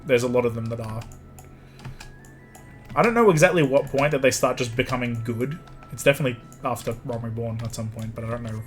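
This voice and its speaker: A man's voice: medium pitch, a little fast, faint music behind. A man streaming a game, chatting casually and rambling, often repeating himself.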